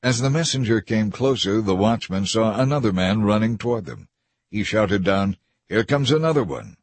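A man reading a Bible story in steady, measured scripted narration. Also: lowish voice, no echo.

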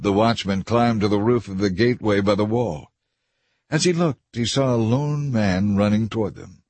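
A man reading a Bible story in steady, measured scripted narration. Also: on the low side.

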